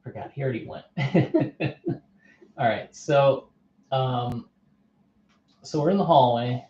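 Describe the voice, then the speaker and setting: A man's voice: mid-range voice, slow, warm tone. Easygoing man thinking aloud over a game. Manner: thinks aloud, reads card text, asks unseen viewers. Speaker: board game streamer. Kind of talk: casual play-through commentary. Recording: muffled, echoey room.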